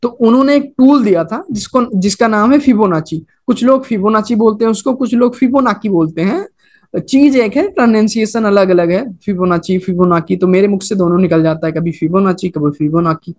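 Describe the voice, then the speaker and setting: A man with a high-pitched, brisk, slightly mellow voice walks through a trading chart in a screen-recorded lecture. His talk is casual and repetitive, mixed with English trading jargon and frequent check-ins like "okay" and "right?".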